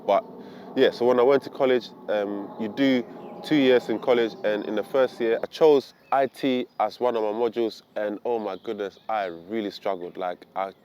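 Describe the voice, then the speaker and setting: A man's voice: fairly low pitch, steady tone, moderate pace, darkish tone, slight background noise. A young man from Ghana telling his own story in an earnest, reflective way, with frequent "you know" fillers. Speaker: vlogger. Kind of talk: personal storytelling to camera.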